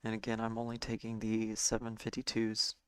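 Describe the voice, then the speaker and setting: A man with a hoarse, failing voice giving halting live trading commentary as host of a stream. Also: lowish voice, monotone, fairly bright tone, no room sound. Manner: halting, with fillers and throat clearing. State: hoarse, losing his voice. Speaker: day trading livestream host.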